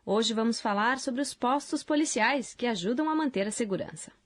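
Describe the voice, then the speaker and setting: A woman's voice: fairly high pitch, expressive, normal speed. Woman co-hosting a language lesson. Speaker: lesson co-host. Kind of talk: scripted lesson narration.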